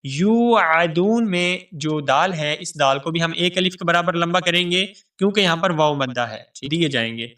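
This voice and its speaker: A man teaching tajweed, chanting verses slowly and melodically and explaining the rules quickly and plainly. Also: a little high, bright, forceful tone, distant mic. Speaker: Quran recitation teacher. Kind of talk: tajweed lesson with recitation.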